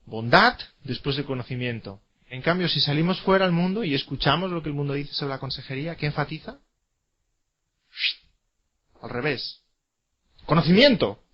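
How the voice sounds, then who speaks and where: A man's voice: a little high, normal speed, pauses often, dull audio. A man teaching a classroom lecture, emphatic, repeating key words and asking rhetorical questions.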